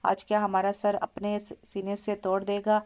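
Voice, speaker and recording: A woman's voice: medium pitch, completely flat delivery, normal speed, darkish tone, smooth, natural voice. A woman voicing a feisty young housemaid who snaps at people and speaks in broken grammar. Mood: snappish.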